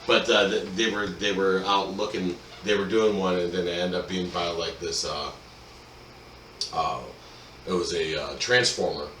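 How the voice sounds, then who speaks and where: A man's voice: sits low, steady tone, normal speed, fairly bright tone. A man on a podcast telling casual stories, laughing often and acting out the people he quotes. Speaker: podcast host. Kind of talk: casual storytelling chat. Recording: echoey room, distant mic, faint noise.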